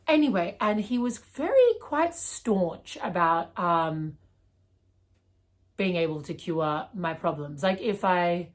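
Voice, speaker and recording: A young woman in her twenties with an Australian accent, telling a personal story in a casual, rambling way, full of "like" and "um". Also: mid-range voice. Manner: rambling, heavy use of "like" and "um".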